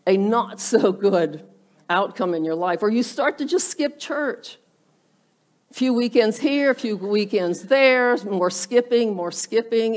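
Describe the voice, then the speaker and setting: A woman pastor delivering a casual, animated sermon, her voice sitting a little higher than most. She slips into little acted-out quotes that leap up in pitch and then drops back to an easy, talky delivery.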